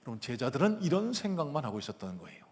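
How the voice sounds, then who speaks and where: A man preaching a sermon as a pastor, animated and acting out the disciples' casual chatter in playful voices. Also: medium pitch, fast, big-room sound. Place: church sanctuary.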